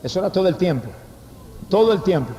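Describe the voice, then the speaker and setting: An older man with a Puerto Rican accent preaching a fervent testimony sermon, breaking into shouted praise. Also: high voice, big pitch swings, fast, a little hiss or hum. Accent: Puerto Rican Spanish. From Puerto Rico. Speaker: evangelist preacher. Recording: echoey hall, dull lo-fi recording.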